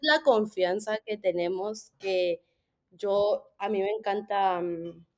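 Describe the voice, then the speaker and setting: A woman's voice: medium pitch, takes it slowly. A young woman co-hosting a podcast, telling a funny anecdote in a chatty way and quoting both sides of a conversation. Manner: chatty, laughing, quoting back and forth. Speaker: podcast co-host. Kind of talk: casual storytelling chat.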